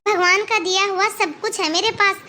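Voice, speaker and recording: A woman voicing a very high, bright young wife. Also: steady tone, normal speed, a little hiss or hum. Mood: reproachful. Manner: earnest, reproachful. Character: young married woman, earnest, devoted to family bonds. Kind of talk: Hindi cartoon voice acting.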